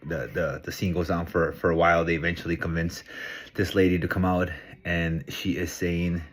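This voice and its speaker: Man from Peru, very low voice, middle-aged, earnest vlogger thinking aloud to camera. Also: level tone, normal speed. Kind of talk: casual monologue to camera.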